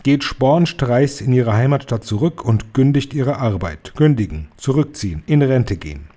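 A man's voice: medium pitch, animated, moderate pace, mellow, natural voice. A man reading a story aloud, voicing a tiny, furious female witch leader who shrieks and barks orders. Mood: domineering.

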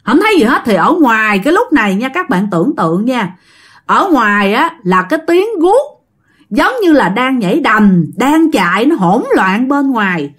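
A woman's voice: a little high, big pitch swings, normal speed. A woman with a Southern Vietnamese accent telling a ghost story to her listeners, imitating knocking sounds as she goes.

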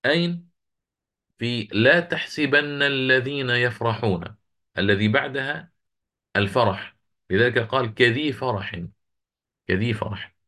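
Man, recitation teacher, patient explanation, chants verses slowly, average pitch. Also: sharp tone. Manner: stretches and chants quoted verses, answers students' questions.

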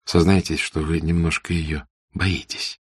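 A friendly, inquisitive young man presses his questions with earnest liveliness, as a male narrator plays him. His voice is low and husky, recorded dry and close. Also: flat delivery, unhurried, no room sound. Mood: probing. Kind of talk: audiobook character reading.

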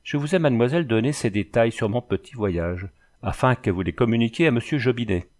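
A man reading a classic novel aloud as scripted narration, in a measured, even storytelling delivery. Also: mid-range voice. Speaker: audiobook reader.

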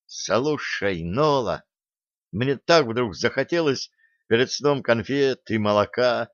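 A man's voice: mid-range voice, slow, dry recording, highs cut off, natural voice. A man voicing a young female elf who talks in a languid, scheming way. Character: dreamy young female elf, mistress of the cat.

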